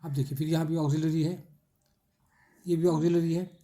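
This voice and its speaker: A man teaching grammar in a classroom lesson, explaining in Hindi and reading example sentences aloud slowly, with heavy stress. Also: a little high, level tone, mellow. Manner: slow, reads English examples aloud in drawn-out, stressed words.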